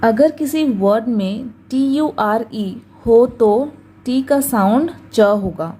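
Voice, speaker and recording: Woman teacher with a Hindi accent, soft mellow tone, slightly high pitch, slow drilled delivery, faint background hiss. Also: slightly rough, rough recording. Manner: slow, careful, repeats words for drilling. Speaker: English pronunciation teacher. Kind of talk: YouTube pronunciation lesson.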